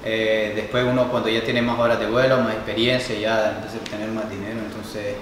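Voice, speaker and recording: A man's voice: fairly low pitch, flat delivery, a little fast. Hesitant man in his twenties, echoey room. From Nicaragua, raised in Canada. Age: 20s. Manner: hesitant, soft-spoken, trailing off. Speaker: guest. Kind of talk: casual interview. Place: bright room, seated on a leather couch. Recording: echoey room with reverb and background noise.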